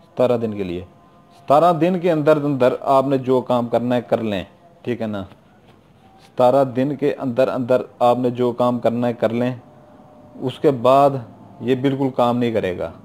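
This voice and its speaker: Repetitive Pakistani man, mellow voice. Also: medium pitch, measured pace. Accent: Pakistani Urdu. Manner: repetitive, informal, keeps adding "theek hai na". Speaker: YouTube occult practitioner. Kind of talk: casual spoken instruction.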